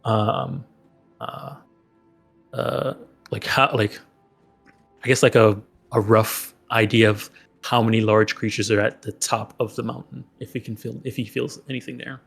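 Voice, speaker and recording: A man playing a tabletop game, chatting casually and haltingly, often circling back on his phrases. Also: lowish voice, fairly even intonation, vocal fry, breathy edge, soft background music.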